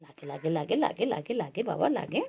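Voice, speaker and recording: A woman's voice: fairly low pitch, very animated, fairly quick, gravelly, a little mellow, slightly rough. A woman talking to her pet cat at home, repeating herself in coaxing, mock-scolding baby talk. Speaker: cat owner vlogger.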